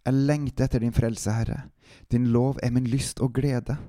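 A man hosting a devotional podcast, introducing a psalm and then reading it aloud in a calm, steady manner. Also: medium pitch, dry recording, studio quality.

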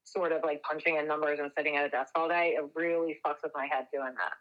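A young adult woman chatting casually as podcast co-host, heard over a speakerphone, relaxed and swearing offhandedly. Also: low-pitched, fast talker, lo-fi sound. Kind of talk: casual chat.

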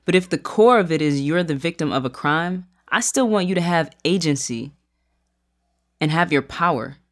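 An advocate for crime victims, explaining calmly in an interview. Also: mid-range voice, moderate pace.

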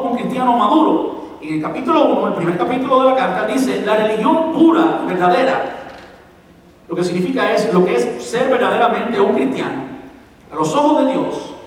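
A man preaching a sermon as pastor, explaining his points and repeating them for emphasis. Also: very high-pitched. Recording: echoey hall, voice from far off.

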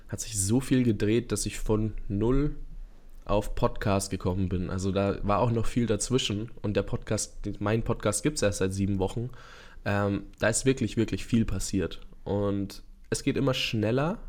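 A man's voice: fairly low pitch, fairly even intonation, moderate pace, a little mellow. A young man, a podcast guest, talking eagerly and earnestly in long run-on thoughts with frequent fillers. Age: young adult. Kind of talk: casual interview talk.

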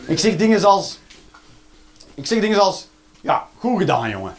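A man's voice: high-pitched, very animated, moderate pace, heavy background noise. A man in his thirties with a Flemish accent doing a rambling, sarcastic stand-up routine. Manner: rambling, sarcastic, repeats punchlines. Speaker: stand-up comedian.

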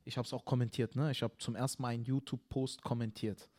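A young man, a comedian hosting the show, chatting casually and telling a story with animated energy, getting loud when riled. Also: medium pitch, quick pace. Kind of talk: casual chat.

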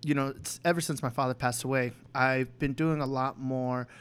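A man's voice: medium pitch, steady tone, normal speed, fairly bright tone, clear, resonant tone. A young man talking candidly on a podcast, rambling with lots of "you know" and restarts. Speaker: podcast co-host. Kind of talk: candid personal chat.

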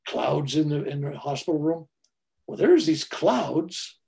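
A man relates a personal story in relaxed conversation. His voice sits a touch high and has a gravelly, creaky edge. He swings from loud bursts to hushed, quiet stretches as he talks. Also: a little slow. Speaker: guest telling a personal story. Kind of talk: casual spoken storytelling.

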